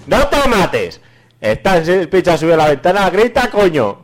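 A man's voice: high-pitched, very animated, unhurried. A man co-hosting a radio comedy show, rowdy, laughing and swearing in loose banter.

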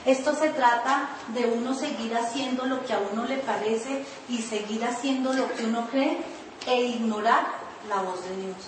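A woman's voice: fairly high pitch, normal speed, background noise. A woman pastor preaching a sermon, telling her own story and acting out her pleading in a sing-song whine. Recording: echoey room, voice from far off.

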